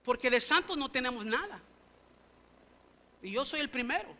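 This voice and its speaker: Preaching in a church sanctuary, a native English-speaking pastor delivers his sermon in another language, pressing the congregation with rhetorical questions. His very high voice sounds bright and forceful, with lively intonation at normal speed.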